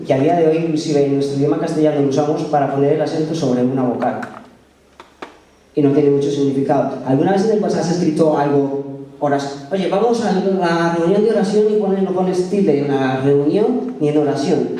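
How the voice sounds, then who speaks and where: A man's voice: fairly high pitch, mellow. A man preaching a sermon in a conversational way, often asking the congregation questions. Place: church meeting room. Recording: echoey room, voice from far off.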